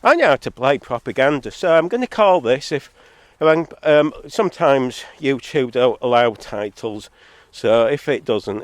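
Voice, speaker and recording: Stuffed up with a head cold, a man who makes videos by himself delivers a meandering, combative vlog monologue full of sardonic remarks. He's Zambian-born and based in England. The dry recording, made on a phone or camera at too high a level, is distorted and clipping.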